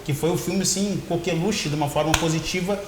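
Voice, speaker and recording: A man's voice: fairly high pitch, fairly even intonation, quick pace, reverberant, noisy background. A man hosts a casual panel show, informal, jokey and a little hesitant. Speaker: show host.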